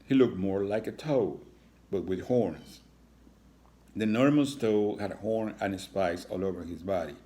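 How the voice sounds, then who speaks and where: A man's voice: on the low side, a little slow, warm tone. A man reading a children's story aloud, now and then adding chatty asides to his listeners. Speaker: reader.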